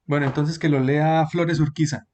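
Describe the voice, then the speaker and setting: A male teacher leads an online class in a voice that sits a little high for a man. He explains things patiently and stretches out key words so students can follow. He keeps turning to the students with questions. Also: fairly even intonation, moderate pace, a little mellow, slight background noise.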